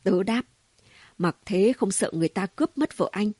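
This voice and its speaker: A gossipy city woman with a mocking, exclamation-filled way of talking, voiced by a woman reading a novel aloud. The voice is mellow and a little husky. The sound is dry and close. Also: medium pitch, animated, normal speed, no room sound. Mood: teasing. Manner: chatty, mocking, full of exclamations. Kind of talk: audiobook reading.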